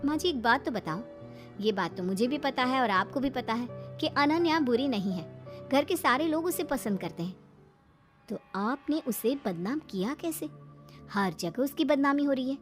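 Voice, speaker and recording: A woman's voice: high-pitched, animated, moderate pace, soft background music. A woman voicing an outspoken young wife. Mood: questioning. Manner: firm and indignant. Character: outspoken young wife, elder daughter-in-law.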